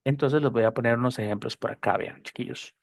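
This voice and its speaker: An English teacher, giving a pronunciation lesson and explaining by repeating model words slowly. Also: mid-range voice, creaky, no echo.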